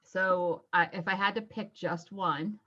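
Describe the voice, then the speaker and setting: A woman guest on a podcast interview, chatty and quick to laugh. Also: fairly low pitch, fairly even intonation, bright, forceful tone, lo-fi sound. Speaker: guest, social media strategist.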